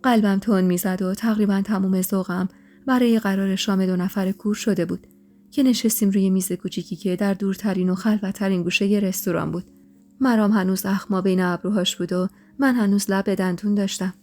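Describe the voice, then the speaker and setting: Woman storyteller, mellow warm voice, emotional first-person story, quiet music behind. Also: medium pitch, steady tone. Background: faint music.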